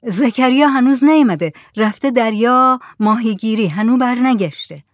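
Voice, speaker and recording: Woman reader voicing an older village headman, brisk and persuasive, storybook tale. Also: on the high side, expressive, no room sound, clean studio sound, natural voice. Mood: coaxing.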